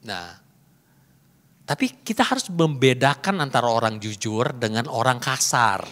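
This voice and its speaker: A man's voice: a little high, a bit bright. A middle-aged male pastor preaching a sermon, asking the congregation questions and slipping English words into his talk. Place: church hall. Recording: echoey church hall.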